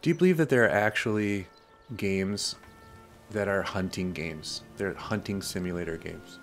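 Over soft background music, a low-pitched man chats at a moderate pace while hosting a let's play. His commentary is casual, rambling, and self-deprecating, and he talks directly to the game characters.

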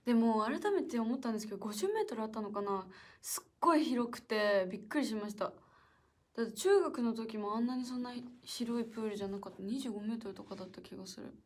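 A young woman hosting a casual solo livestream. She is chatty and playful, reads out viewer comments, laughs often and sometimes drops to a soft whisper. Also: on the high side, animated, fast. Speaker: idol livestream host. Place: indoor room with a piano.

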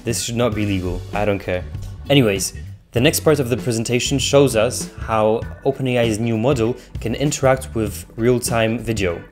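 A man's voice: medium pitch, moderate pace, faint music behind. A man hosting a tech video with casual commentary, chatty and given to joking asides.

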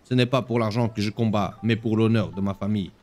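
A man's voice: on the low side, steady tone, fast talker, a crowd in the background, pitched below the performer's own voice, close to an everyday voice. A man voicing a solemn young kung fu hero with a grave, mock-noble delivery.

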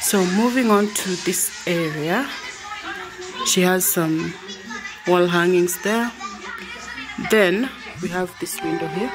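A Kenyan vlogger with a Kenyan accent gives a casual tour of her family home's living room, filming on a handheld phone or camera. Her fairly low voice is unhurried, and she repeats phrases as she points things out, with music in the background.

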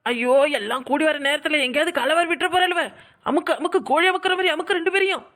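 A woman's voice: very high-pitched, fast, fairly bright tone. A woman voicing a pushy village neighbour who gives urgent, bossy orders in a cartoon comedy. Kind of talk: cartoon voice acting.

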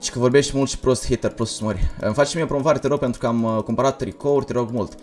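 A young man livestreaming a game, talking fast and energetically while reading out chat messages. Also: mid-range voice, fairly even intonation, a little mellow, soft background music. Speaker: gaming livestreamer. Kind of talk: casual livestream commentary.

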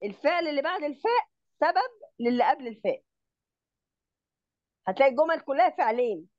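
A woman's voice: high voice, lively intonation, fast talker, no echo, highs cut off. A woman with an Egyptian Arabic accent teaching grammar in an online lesson, explaining step by step and often checking that her student understands.

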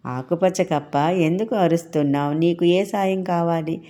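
A woman's voice: fairly low pitch, normal speed, warm tone, natural voice. Woman narrator as an eager sparrow, helpful. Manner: chirpy calls, eager to help.

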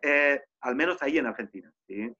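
A man's voice: mid-range voice, lively intonation, brisk, pushed and bright, breathy edge. A man teaching an online storytelling class, telling a story theatrically and asking rhetorical questions. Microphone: video call. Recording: muffled video-call audio.

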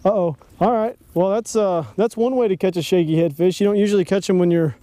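A young man, chatting excitedly from a bass boat on a lake while he fishes and films himself on an action camera. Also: fast talker. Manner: excitable, chatty, lots of exclamations. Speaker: fishing vlogger. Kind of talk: casual outdoor chat while fishing. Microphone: action camera mounted on the boat.

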